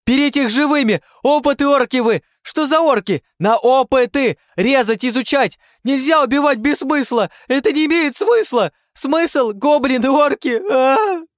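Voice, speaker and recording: A man's voice: moderate pace, no echo, clean studio sound. A man voicing a hysterical young woman scientist who shrieks, in an audiobook. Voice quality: shrill, near screaming.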